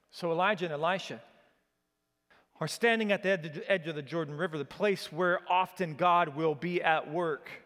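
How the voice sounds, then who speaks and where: A middle-aged man from Oklahoma, preaching a sermon as an animated storyteller whose energy rises as he gets excited. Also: sits high. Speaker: pastor. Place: church hall. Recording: long reverb of a church hall.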